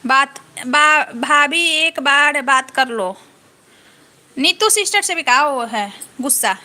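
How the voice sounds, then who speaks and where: A woman's voice: high-pitched, expressive, slow pace, pushed and bright. A woman hosting a casual live stream from home on a phone camera, chatting and thanking viewers one by one.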